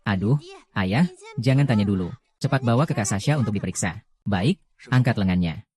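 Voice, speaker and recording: A man with a low-pitched voice dubbing the dialogue of a costume drama. He voices every part himself in the same flat, even manner. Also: normal speed.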